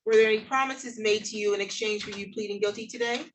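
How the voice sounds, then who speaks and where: A woman's voice: medium pitch, steady tone, fast talker, a little hiss or hum, low-quality recording. A woman speaking as a judge in a courtroom, putting formal questions and explaining procedure step by step.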